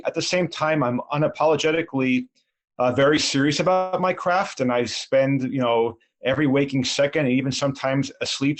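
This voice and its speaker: A middle-aged man answering interview questions earnestly, rambling and self-deprecating, with frequent restarts. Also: medium pitch. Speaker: sports league commissioner.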